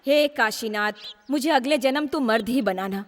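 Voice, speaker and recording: A bold village woman, voiced by a woman, scolds and mocks with a high, biting voice. A long reverb trails her lines. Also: normal speed, a little hiss or hum, close to an everyday voice. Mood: mocking. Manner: scolding, mocking. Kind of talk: Hindi film dub.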